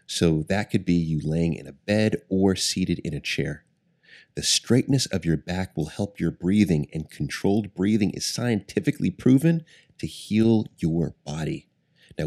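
A man guiding breathing and affirmations as a podcast host, speaking in measured, instructional short phrases with deliberate pauses. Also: low-pitched, a little mellow. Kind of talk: guided breathing and affirmation coaching. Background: background music.

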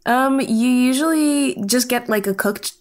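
A woman from Tanzania chats casually as a podcast guest, giggling often. Her voice sits a little higher than most women's. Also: unhurried. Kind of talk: casual chat.

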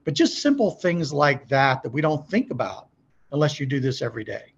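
A car dealership service trainer appearing as a podcast guest coaches conversationally, emphatic and fond of short rhetorical check-in questions, even acting out sample calls. His voice is a little high, very animated and fairly quick, gravelly with a breathy edge, on a muffled recording.

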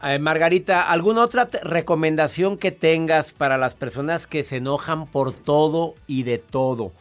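A man's voice: a little high, moderate pace, soft background music. A man hosting a podcast, upbeat and effusive with his guest. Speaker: podcast host. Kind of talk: interviewing a guest.

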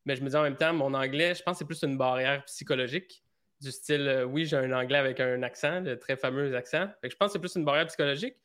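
A man with a Québécois accent, a podcast guest talking in a relaxed, hesitant way with plenty of fillers. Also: mid-range voice, fast talker. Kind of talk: casual interview chat.

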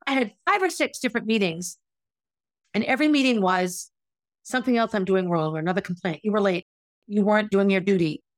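A woman's voice: mid-range voice, brisk, dry recording. A middle-aged woman telling her own story in a candid, emotional and frustrated way, as a podcast host. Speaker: podcast host, former teacher. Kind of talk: personal storytelling monologue.

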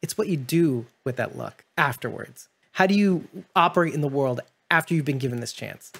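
A man's voice: medium pitch, animated, moderate pace, gravelly, fairly bright tone, slightly rough. A man hosting a casual TV discussion, reflective and musing, often restarting his sentences. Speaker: podcast host.

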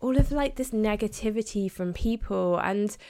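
Heartfelt chatty woman, gravelly edge. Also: mid-range voice, moderate pace, dark tone. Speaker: podcast host. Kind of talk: devotional podcast monologue.

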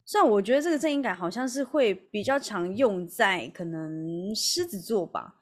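A young woman chats on her podcast with a giggly, storytelling energy. Her voice swings widely in pitch and bounces through each anecdote. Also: expressive, moderate pace. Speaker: podcast co-host. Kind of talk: casual chat.

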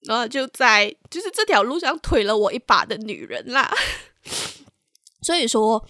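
Give me a candid young woman, halting. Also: a little high, lively intonation, sharp tone, no echo, studio quality. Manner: halting, mixes in English phrases. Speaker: podcast co-host. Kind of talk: candid personal storytelling.

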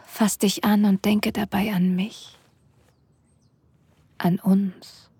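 Casting: woman for adult ASMR role-play audio. Airy, extremely breathy delivery, intimate manner, close and dry recording. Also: mid-range voice, level tone, slow pace, dark tone, dry recording. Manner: sensual, intimate, addressing the listener directly. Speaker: erotic audio performer. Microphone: close microphone, dry sound.

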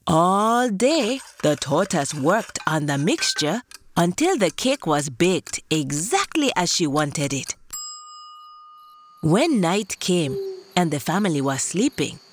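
A woman's voice: mid-range voice, slight background noise. A woman hosting a children's story show, narrating in a playful way, like an entertainer addressing little listeners.

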